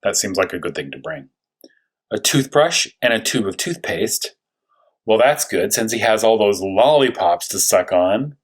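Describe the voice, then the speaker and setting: Reading to young children, this lowish-voiced first-grade teacher talks his way through the story, asking questions as he thinks aloud and slowing on the words that matter most.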